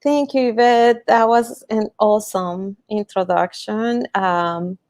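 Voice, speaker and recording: A woman from Colombia speaks English with a Colombian accent, Spanish being her first language. She talks slowly and hesitantly, with many fillers. She is introducing herself on a video call. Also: mid-range voice, fairly even intonation, darkish tone. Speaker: panel moderator. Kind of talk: casual introduction.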